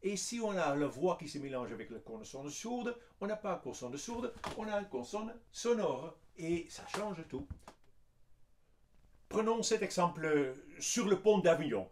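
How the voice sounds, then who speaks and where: High-voiced, slow-paced male singing teacher. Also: sing-song. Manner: patient, explains, then sings examples. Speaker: vocal coach. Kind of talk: singing lesson with sung demonstrations.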